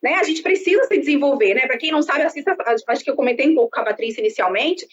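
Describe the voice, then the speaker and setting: Brazilian woman, 30s, sales consultant; outgoing, animated talker; high voice, dull lo-fi call audio. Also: very fast. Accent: Brazilian Portuguese. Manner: expansive, lively, self-described outgoing talker. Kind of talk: conversational interview on a live stream. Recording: dull lo-fi sound with faint background noise.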